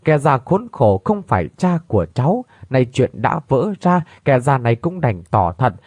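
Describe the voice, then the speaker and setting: A wretched old man makes a slow, sorrowful confession, as a male storyteller puts him on. His voice stays low and heavy. The sound is dry and close. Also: very animated, darkish tone, dry recording.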